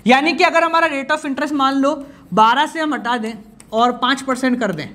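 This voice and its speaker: A woman gives an online economics lesson in a fairly high voice. She explains in a lively, playful way and slows right down whenever she spells out a key term. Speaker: economics teacher. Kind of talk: online lecture.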